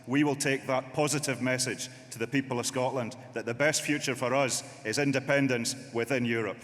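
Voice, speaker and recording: A man's voice: medium pitch, steady tone, fairly quick, a bit bright. A man giving an emphatic political speech from the lectern at a party conference. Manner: rousing, emphatic oratory. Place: large conference hall. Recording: reverberant hall, faint noise.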